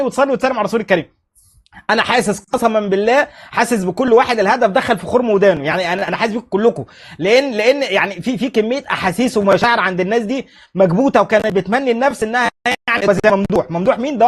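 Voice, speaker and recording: A man with an Egyptian accent giving animated, mocking fan commentary on a football match. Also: high voice. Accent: Egyptian Arabic.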